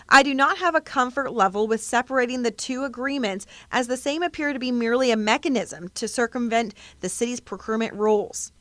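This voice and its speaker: A woman's voice: on the high side, a bit bright, no room sound. An American woman reporter narrating a scripted investigative news exposé for television.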